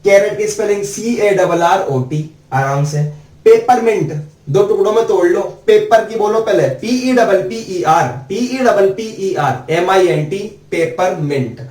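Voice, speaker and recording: A man's voice: sits high, expressive, a little mellow. A male teacher giving a spelling lesson, drawing out letters one by one at a board. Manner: slow, drawn-out letter-by-letter spelling. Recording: echoey room, mic at a distance.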